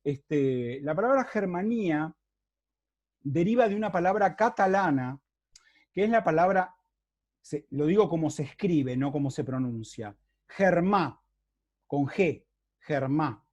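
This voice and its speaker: Giving a university lecture, a man with a Rioplatense Spanish accent explains things patiently and keeps checking that his listeners follow, leaning on frequent rhetorical tags. His voice is fairly high, animated and somewhat dark in tone, captured with lo-fi sound. He takes his time, with hesitant fillers and restarts along the way.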